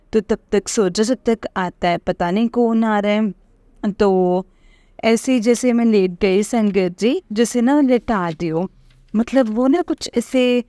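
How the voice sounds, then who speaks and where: A woman tells a personal dream story at length. She wanders and restarts often, filling the pauses with small hesitations. Her voice sits at an ordinary middle pitch, and the recording is dry and close. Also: dark tone, no room sound. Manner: rambling, hesitant, many fillers and restarts. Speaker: devotee sharing a dream experience. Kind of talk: casual spoken testimony.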